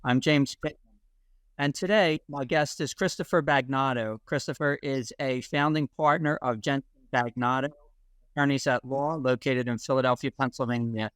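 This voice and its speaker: A man hosting a video podcast, reading a scripted intro and then asking questions with some halting repeats. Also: medium pitch, fairly even intonation, fairly bright tone, smooth, no echo. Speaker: podcast host, interviewer.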